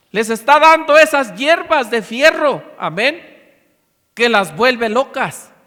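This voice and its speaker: A male pastor from Mexico delivers a sermon in a very high, bright, ringing voice. He punctuates his points with frequent amens and acts out short dialogues. His voice carries a long reverb through a church hall.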